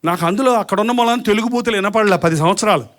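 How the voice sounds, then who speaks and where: A man's voice: high-pitched, very fast, fairly bright tone. A middle-aged man from Andhra Pradesh, preaching a sermon and acting out quarrels in different voices. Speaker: pastor.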